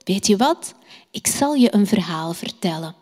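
A woman doing a soothing gentle father. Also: medium pitch, lively intonation, moderate pace, in a large hall, close to an everyday voice. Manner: soothing, reassuring. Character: gentle caring father, a former king.

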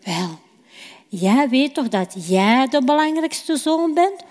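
A woman voicing a calm, scheming younger brother who bargains coaxingly. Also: high-pitched, slow pace. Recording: reverberant hall.

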